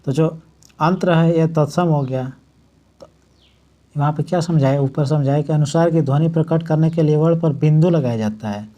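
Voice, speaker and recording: A man teaching a Hindi grammar lesson, his voice fairly high for a man but warm and mellow. He explains each point step by step, restates it in simpler words, and draws out the example words slowly. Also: highs cut off. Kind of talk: exam-prep grammar lesson.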